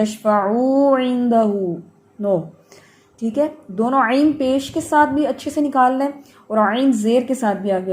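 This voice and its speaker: A woman teaching Quran recitation in an online class. She patiently corrects her students' mistakes, checks in with them, and models each word in slow, drawn-out recitation. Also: on the high side, dark tone.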